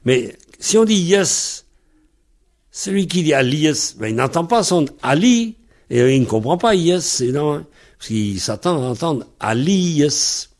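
A man's voice: on the high side, animated, unhurried. A man teaching a language lesson, explaining pronunciation step by step and spelling out letters.

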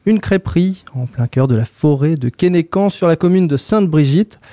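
A man hosting a radio interview, introducing guests and asking halting questions with many fillers. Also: a little high, expressive, mellow, dry recording. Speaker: radio host.

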